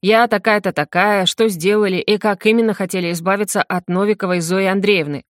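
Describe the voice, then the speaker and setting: A woman's voice: mid-range voice, steady tone, fairly quick, no room sound, close to an everyday voice. A woman voicing a confident, dry male detective who drawls his questions in an audiobook.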